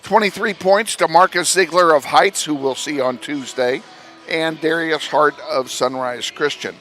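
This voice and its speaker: A Midwestern American man gives an informal pregame tournament recap with a higher-than-usual voice. He stumbles through fillers and corrects himself, sounding a little out of breath, and faint music plays behind him. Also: measured pace, bright, forceful tone. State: slightly out of breath. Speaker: play-by-play broadcaster. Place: school gym broadcast booth.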